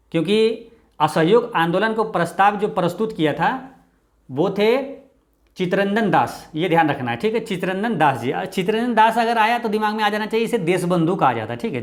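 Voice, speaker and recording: With a Bihari Hindi accent, a man goes over answers to exam-prep quiz questions. He keeps repeating "ye dhyan rakhna hai," and each time his voice drops low and quiet as he tells students to keep the point in mind.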